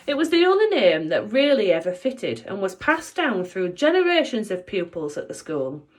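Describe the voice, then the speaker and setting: A woman teacher reading a children's book aloud with playful, expressive delivery. Her pitch rises and falls a great deal as she tells the story and speaks straight to her young listeners. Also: moderate pace.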